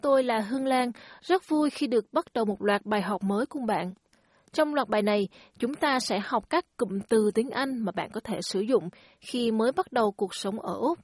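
A woman's voice: a little high, normal speed, breathy edge, no room sound, clean studio sound. A woman hosting a language lesson, speaking in a friendly, encouraging teacher tone. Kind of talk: scripted lesson narration.

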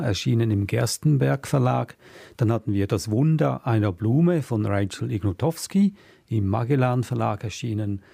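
A man's voice: medium pitch, creaky, dark tone, husky, no room sound. A man hosting a book podcast, wrapping up the episode in a thoughtful, earnest way with some hesitations. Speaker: podcast host. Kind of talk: book review podcast chat.

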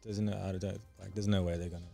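A man's voice: sits low, flat delivery, quick pace, creaky, dark tone, faint music behind. A man on a casual basketball podcast, giving hesitant analysis full of fillers. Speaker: podcast co-host.

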